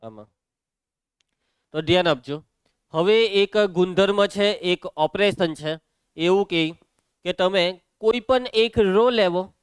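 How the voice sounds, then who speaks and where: A man teaching a maths lesson, walking students briskly through each step. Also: high voice, clean tone, dry recording.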